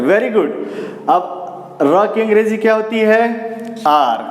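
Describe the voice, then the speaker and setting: A high-pitched man teaches basic English spelling, asking and then answering his own questions. He praises every step with "very good." His voice rings in a roomy, echoing space with a lingering tail. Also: a little mellow. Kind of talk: spoken English lesson. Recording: echoey room with long reverb.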